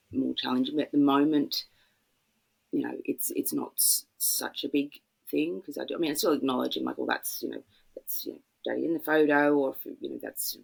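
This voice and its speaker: This Australian woman is a guest on a podcast, talking in a soft, reflective way. Her voice is gravelly and breathy. She often pauses and circles back on her words. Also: extremely low pitch, low-quality recording. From Sydney, Australia. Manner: reflective, halting, many fillers. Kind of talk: casual conversational interview.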